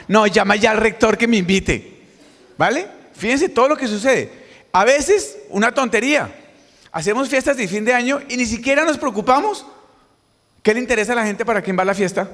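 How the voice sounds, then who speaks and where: A middle-aged Colombian man giving a conference talk, lively and quizzing the audience directly. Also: sits high. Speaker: motivational speaker. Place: large conference hall. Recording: reverberant hall, mic on stage.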